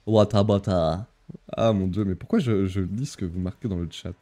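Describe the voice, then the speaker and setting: A man's voice: low-pitched, warm tone. A young man chatting casually on a live stream, reading the chat aloud, laughing often and using many fillers.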